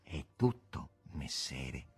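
A sly, fussy devil's assistant, as a male reader puts him on. His voice leaps from low mutters to high, drawn-out flourishes. It stays husky throughout. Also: wildly swooping pitch, faint music behind, exaggerated voice. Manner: theatrical, swinging from low to high.

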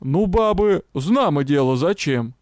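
A man's voice: on the high side, lively intonation, a little slow, a little mellow, no room sound, studio quality. A man voicing a broad-shouldered young village lad who talks bluntly in a folksy way. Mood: joking.

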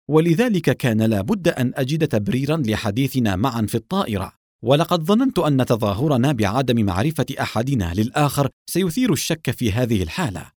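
A composed young female lieutenant from a spy audiobook, voiced by a man reading. She explains herself in a measured, lively voice. The recording sounds dry and close. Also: mid-range voice, dry recording, natural voice.

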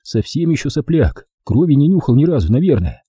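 A man reading an audiobook as scripted narration, with an expressive storytelling delivery and a husky voice. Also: on the high side, a little fast, no room sound, studio quality. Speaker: audiobook reader.

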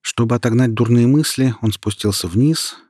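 A man narrates an audiobook in a steady, even way. His voice has a husky, breathy edge, and the sound is dry and close with no room around it. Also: mid-range voice, normal speed, dry recording.

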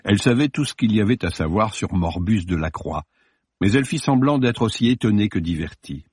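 Low, husky male audiobook narrator. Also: lively intonation, a little fast, dry recording, clean studio sound. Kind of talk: scripted narration of a novel.

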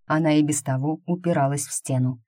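A woman narrates a fantasy novel in a measured, steady way. Her voice is low and mellow. The recording is dry and close, with no room sound. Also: no room sound. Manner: even, measured storytelling. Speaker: audiobook narrator. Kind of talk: scripted narration.

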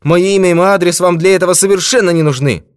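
A man's voice: sits high, lively intonation, moderate pace, voice pushed up. A man voicing a frail, paranoid old man who shrieks in panic. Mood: shrieking.

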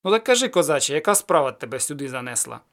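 A man voicing a calm, teasing cossack sorcerer in an audiobook, raised and loud when he dares his guest. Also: on the high side, fast. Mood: gruff.

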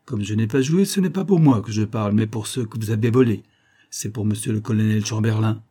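A man's voice: on the low side, fairly quick, warm tone, close to an everyday voice. A man voicing a cool, authoritative aristocratic duke who accuses a cheat in an audiobook. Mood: commanding. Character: nonchalant commanding aristocratic duke.

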